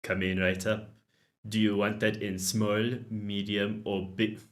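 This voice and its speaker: A man's voice: on the low side, level tone, unhurried, lightly acted. A man voicing a chatty, pun-loving male barista in a game, with a wobbly put-on South African accent. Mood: serving.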